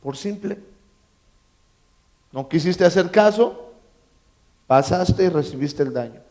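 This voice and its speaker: A man's voice: on the high side, expressive, a little slow, mellow. A man preaching a sermon as pastor, emphatic, repeating key phrases and quizzing his congregation with joking asides. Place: church.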